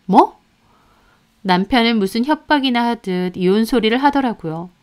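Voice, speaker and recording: A woman narrating a first-person story in a calm, even way. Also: mid-range voice, normal speed, smooth.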